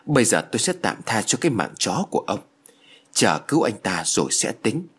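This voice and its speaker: A man's voice: lowish voice, sing-song, fairly quick, fairly bright tone, breathy edge, exaggerated voice. A man voicing a stern, vengeful young female ghost in a spoken ghost story. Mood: frantic. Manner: stern, urgent.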